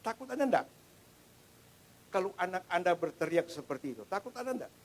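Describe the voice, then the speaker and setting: High-voiced pastor, preaching. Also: male voice, expressive, fast, low-quality recording. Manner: swings between loud proclamation and hushed storytelling. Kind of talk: sermon. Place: church sanctuary.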